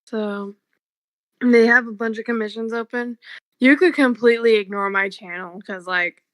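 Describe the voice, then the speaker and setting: A woman speaking on a video call, groggy from just waking up, low-key and mumbling as a convention staff head. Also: normal speed, a bit bright, dry recording. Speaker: artist alley staff head. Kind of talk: casual online call chat.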